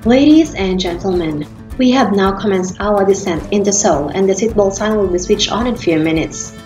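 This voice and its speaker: A woman's voice: medium pitch, moderate pace, dark tone. Woman, Filipino accent, flight attendant PA delivery, formal and polite, roomy echo, music behind. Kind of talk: flight attendant PA announcements, read aloud. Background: faint to clear music.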